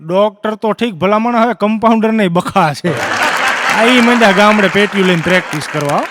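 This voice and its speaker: A man telling jokes in live stand-up, a lively storyteller who acts out the characters on a stage before an audience. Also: sits high, brisk, long reverb tail, over a noisy crowd, heavy background noise. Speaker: stand-up comedian.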